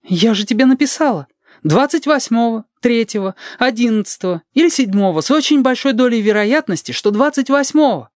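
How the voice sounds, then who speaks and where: A stiff, otherworldly young woman, as an audiobook reader puts her on, who lectures in a creaky, grating voice. Her pitch sits far above the reader's own and swings widely, and the sound is close and dry. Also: expressive, fairly quick, darkish tone, no room sound, natural voice. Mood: insistent. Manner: formal, lecturing tone.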